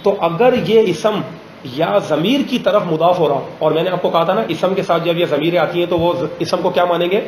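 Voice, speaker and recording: A man teaching a grammar lesson in a classroom, pausing often to ask students questions and slowing down on examples. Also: high voice, darkish tone, a little hiss or hum. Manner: drills students with frequent check questions; slows down to spell out example phrases. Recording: roomy classroom echo.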